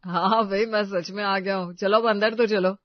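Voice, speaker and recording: A man voicing a breezy young husband back from abroad in an animated story, casual and reassuring, with English words mixed in. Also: sits high, moderate pace, no echo, lightly acted. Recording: dry, slightly dull lo-fi audio.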